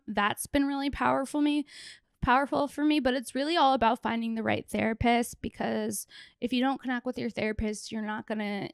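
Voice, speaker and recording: A young woman hosts a solo comedy podcast, riffing casually and bluntly into a handheld mic held close, her fairly high voice hoarse, gravelly and tired. She's exhausted and worn out after a festival, joking and swearing freely. She's in a small, plain indoor room with no audible room sound.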